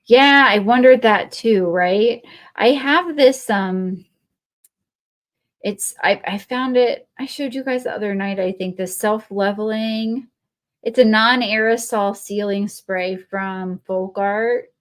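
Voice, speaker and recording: In a slow, mid-range voice, a Texan woman chats her way through a live crafting stream, wandering from topic to topic in a friendly manner and answering viewers' comments while working.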